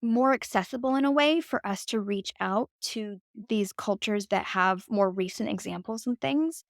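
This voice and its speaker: In studio-quality audio with no room sound, a woman from the United States talks at a moderate pace in a creaky, medium-pitched voice. She's a podcast guest in a conversational interview, musing reflectively and often saying "like" and "right?"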